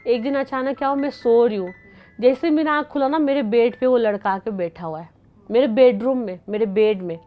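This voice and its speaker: A woman's voice: a little high, a little fast, narrow, tinny audio, faint music behind. A young woman, an interview guest, giving an emotional personal account and acting out both sides of the dialogue as she tells it.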